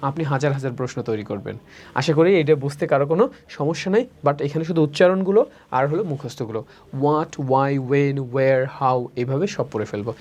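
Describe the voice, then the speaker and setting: A man teaching spoken English in a recorded lesson, saying each word slowly and repeating the forms. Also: on the high side, a little mellow. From Bangladesh. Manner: drills words slowly, repeating each form twice.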